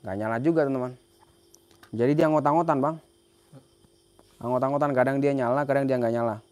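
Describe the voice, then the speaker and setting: A man's voice: mid-range voice, fairly quick, darkish tone. Casual man explaining a repair. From Central Java, Indonesia. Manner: casual, talks while working, repeats phrases. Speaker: repair technician. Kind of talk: hands-on repair tutorial.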